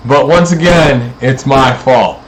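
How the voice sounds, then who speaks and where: A man's voice: mid-range voice, takes it slowly, slight background noise, low-quality recording. A man in a rambling, profane, accusatory monologue aimed at his neighbors.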